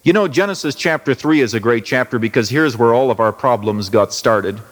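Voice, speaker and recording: A male pastor preaching a radio sermon, leaning on dramatic pauses and emphasis. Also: medium pitch. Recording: hall reverb.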